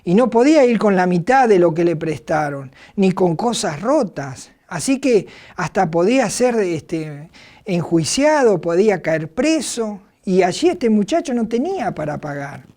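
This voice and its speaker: A woman's voice: mid-range voice, sing-song, unhurried, dark tone. Argentine woman telling a bible story. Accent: Argentine Spanish. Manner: hesitant, many fillers and restarts. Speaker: preacher.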